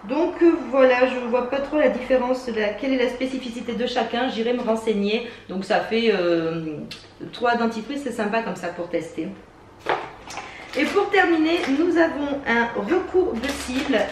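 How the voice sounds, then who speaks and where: A somewhat high-voiced woman chats enthusiastically through a beauty box, pausing often on fillers. Her voice sits back from the mic in a roomy space, with a faint hiss underneath. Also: lively intonation, distant mic. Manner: chatty, enthusiastic, hesitant with many fillers. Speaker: beauty box unboxing vlogger. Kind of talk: casual product review.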